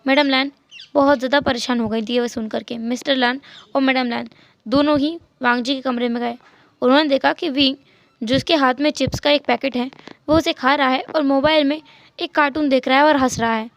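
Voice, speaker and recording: Brief: woman storyteller, high voice, dry close sound, lively retelling. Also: fairly quick, dry recording, muffled recording. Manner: lively retelling with English words mixed in. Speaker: narrator. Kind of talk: storytelling fan dub narration.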